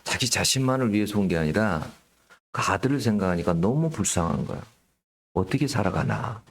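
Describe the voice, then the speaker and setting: A man with a lowish voice preaches a Sunday sermon in a church. He retells scripture in an easy, conversational way, tossing rhetorical questions at the congregation. He keeps calling out to the listeners directly. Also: animated, fairly quick. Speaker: pastor. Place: church sanctuary during Sunday worship.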